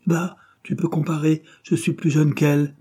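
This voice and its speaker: A desperate young woman in love, pleading and urgent, as a man raises his voice to play her. She speaks in a higher, strained tone, with a husky edge and a mellow, dark warmth. This is a literary audiobook reading. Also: little pitch movement, normal speed, lightly acted. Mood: pleading passionately.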